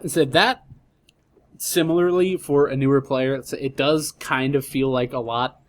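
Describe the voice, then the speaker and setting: A man's voice: mid-range voice, steady tone, measured pace. A man chatting casually as a guest, explaining things in a laid-back, slangy, rambling way. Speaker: podcast guest, tabletop role-player. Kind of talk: casual chat.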